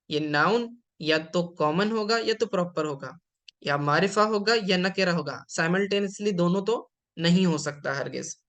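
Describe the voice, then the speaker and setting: A male Arabic grammar teacher with a Hyderabadi Urdu accent explains a slide lesson at a steady, patient pace. He repeats key terms and often checks that his listeners are following. He mixes English terms into his explanations. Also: high voice.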